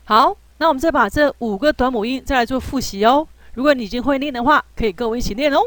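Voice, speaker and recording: A woman teaching English phonics in a relaxed, patient way, with many drawn-out fillers and reassuring asides. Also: high voice, no echo. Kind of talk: relaxed spoken lesson.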